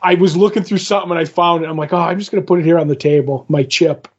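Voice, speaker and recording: A man in his fifties, co-hosting a podcast, chats casually in a voice that sits high for a man. He rambles through anecdotes at a very fast clip with fairly even intonation, acting out every line of dialogue and laughing easily. The recording sounds dull and lo-fi.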